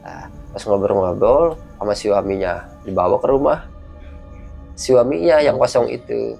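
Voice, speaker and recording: A man's voice: lowish voice, measured pace, gravelly, breathy edge, faint music behind. A man telling a personal story in casual speech, acting out the dialogue as he goes. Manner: vivid, animated retelling with quoted dialogue.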